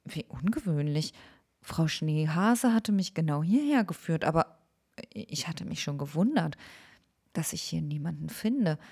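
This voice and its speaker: A woman's voice: low-pitched, lively intonation, a little slow, mellow, husky, heavily acted. Woman doing a lost, weary young wanderer. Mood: wondering, weary.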